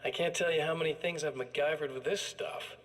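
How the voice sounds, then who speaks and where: A man's voice: a little high, steady tone, fairly quick, fairly bright tone, slight background noise, natural voice. Man acting smug, folksy killer with weapons. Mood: smug, casual. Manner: folksy, menacing, casually pleased with himself. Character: chatty male killer proudly showing off his weapons. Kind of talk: scripted video game acting, sales-pitch monologue.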